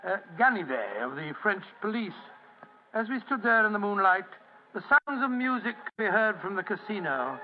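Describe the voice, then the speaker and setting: An earnest gentleman doctor, with a notably high male voice. He is solicitous and a little hesitant, on a tinny, phone-thin vintage radio recording. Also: a little hiss or hum. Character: earnest gentleman doctor, detective's loyal friend, a man. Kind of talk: old radio drama acting and narration. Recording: tinny, narrow-band old radio recording.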